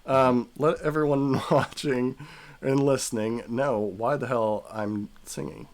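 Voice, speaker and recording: A man's voice: mid-range voice, fairly even intonation, takes it slowly. A young man hosts a casual gaming podcast in an everyday mid-range voice. He keeps things light, throwing in jokes and teasing asides. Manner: jokey, teasing. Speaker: podcast host.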